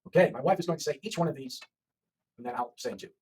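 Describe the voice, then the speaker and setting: A man's voice: medium pitch, fast talker, a little mellow, breathy edge, recorded from a distance, poor audio. A man teaching an online English lesson, talking to learners with lots of repetition and frequent "okay?" checks.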